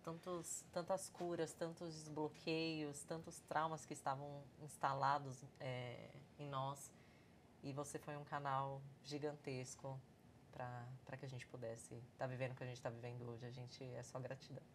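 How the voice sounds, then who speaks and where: A woman's voice: very deep voice, level tone, normal speed, slight background noise. A Brazilian woman guest on a podcast, emotional and close to tears as she speaks with gratitude. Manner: grateful, emotional.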